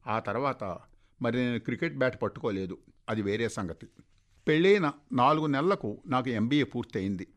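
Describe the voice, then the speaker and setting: A man narrating a first-person short story on radio in a measured, reflective manner. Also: medium pitch, expressive.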